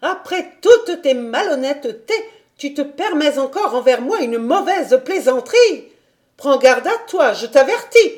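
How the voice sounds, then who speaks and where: A woman reading an audiobook voices a stern, indignant governess who scolds a child and raises her voice to shouts. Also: high voice, sing-song, a little slow, voice pushed up. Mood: furious shrill.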